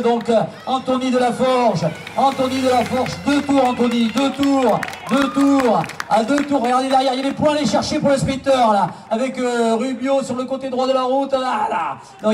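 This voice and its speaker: A male race announcer heard from a distance through a loudspeaker. He keeps repeating lap counts and time gaps and pushes the roadside spectators to cheer. The recording is distant and outdoorsy, with clear background noise. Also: very high voice, fairly even intonation, normal speed. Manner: repetitive, urging the crowd to applaud. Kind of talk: live public-address race commentary.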